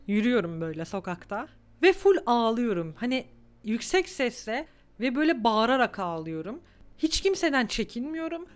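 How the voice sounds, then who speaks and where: A young woman in her twenties talks alone into her podcast mic, open and confessional, her voice sitting a little high. She sounds close to tears, reflective rather than performed. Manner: candid, confessional and emotional. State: on the verge of tears. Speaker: podcast host. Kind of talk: reflective solo podcast monologue.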